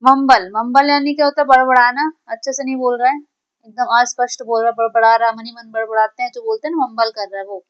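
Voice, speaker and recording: Patient higher-pitched woman teaching vocabulary. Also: level tone, smooth. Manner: explains each word slowly, repeating it and asking "what does it mean?"; keeps checking in with "ठीक है" and "है ना". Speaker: English teacher. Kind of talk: exam-prep vocabulary lesson. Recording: slightly dull, lo-fi recording.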